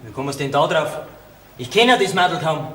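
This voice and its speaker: A man's voice: on the high side, lively intonation, quick pace, pushed and bright. A righteous young Bavarian man. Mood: puzzled. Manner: righteous, teasing. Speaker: stage actor. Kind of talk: folk theater comedy acting. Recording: echoey stage recording.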